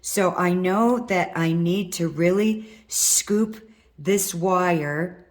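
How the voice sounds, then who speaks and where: A woman with a low, worn-out, hoarse voice walks through a hands-on wire craft lesson. She is middle-aged and husky, and she talks casually while she works. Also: very slow. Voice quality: husky from vocal cord nodules. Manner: chatty, talks while working with her hands. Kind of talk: step-by-step craft tutorial.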